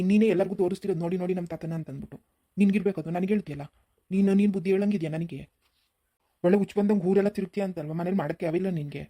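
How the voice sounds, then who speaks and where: Woman voicing a cranky coughing grandfather, rapid village grumbling. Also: lowish voice, dark tone, pitched below the performer's own voice, natural voice.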